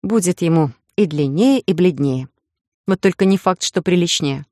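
A woman narrating a first-person romantic audiobook in a lively, ironic way. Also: lowish voice, normal speed, no echo, clean studio sound. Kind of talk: scripted narration.

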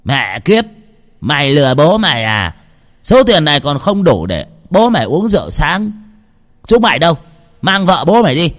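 Male narrator doing a slurring drunken bully, loud and coarse. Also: fairly high pitch, fairly even intonation, extremely slow, gravelly, smooth, voice pushed up, exaggerated voice. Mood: menacing. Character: drunken bullying landlord's henchman, brutal.

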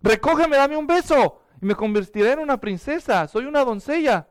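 A man's voice: extremely high pitch, lively intonation, normal speed, no room sound, clean studio sound, pitched above the performer's own voice. A man doing a pushy talking frog princess. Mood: insistent. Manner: insistent, calling out.

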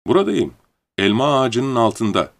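A man's voice: medium pitch, very animated, moderate pace, gravelly. A man voicing a wise, wary wild fox who explains things patiently and matter-of-factly.

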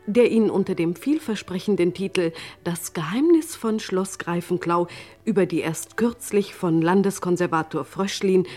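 In an old German radio comedy, an actress plays a formal, deadpan female radio announcer. Her natural, medium-pitched voice sounds measured and politely apologetic.

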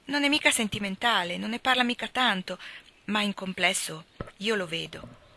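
A woman's voice: mid-range voice, normal speed, sharp tone. A woman reading aloud a young wife's letter, voicing her happy, glowing devotion to her husband. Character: young wife happily in love.

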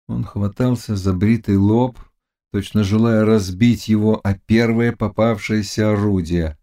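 Low-voiced male audiobook narrator. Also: steady tone, warm tone. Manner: dramatic, measured reading. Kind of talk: scripted literary narration.

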